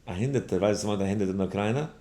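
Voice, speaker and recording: A man with a fairly low voice teaches a daily study class as a rabbi. He tells a personal story in an animated way, with lively storytelling. The recording has a roomy echo. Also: racing. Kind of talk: lesson with a told personal story.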